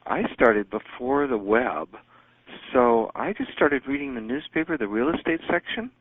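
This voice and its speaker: This teleconference host takes callers on a phone line, chatting casually and wandering off track, often restarting and filling gaps. He has an expressive, mid-range male voice and talks at normal speed.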